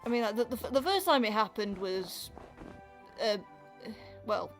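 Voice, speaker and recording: With music running in the background, this British gaming streamer talks loosely while she plays, rambling and often stumbling over restarts. Her pitch sits in the middle and has a sing-song lilt at a normal speed, and the recording quality is rough.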